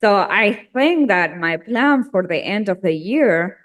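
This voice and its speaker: Slow-talking, laughing Argentine-born woman. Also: mid-range voice, lively intonation. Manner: chatty, laughs often, slow and unhurried. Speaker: singer-songwriter guest. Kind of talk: casual interview chat.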